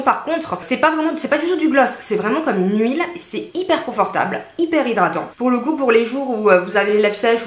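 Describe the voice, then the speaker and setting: A woman's voice: medium pitch, reverberant. A woman reviewing beauty products in a chatty, casual vlog from her home, with frequent fillers and asides. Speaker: beauty vlogger.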